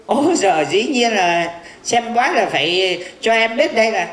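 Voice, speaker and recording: A woman's voice: a little high, expressive, normal speed, close to an everyday voice. Stage comedy: a woman doing a bragging blind fortune-teller man, mocking tongue, echoey hall. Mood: teasing. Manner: chatty, mocking, full of teasing insults. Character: boastful blind male fortune teller, cheeky.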